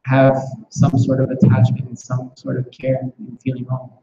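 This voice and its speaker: A monotone, medium-pitched male voice at a moderate pace guides a scripture class in a temple classroom through questions. He speaks reflectively and tends to restart with repeated words; the room recording sounds echoey and muffled, with background noise.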